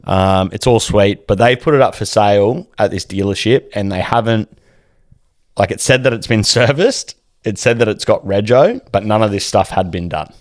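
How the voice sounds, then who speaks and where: A man's voice: on the low side, normal speed, no echo, studio quality. A young Australian man on a podcast, telling a story in casual chat, swearing freely and acting out quotes in a raised voice. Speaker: podcast co-host.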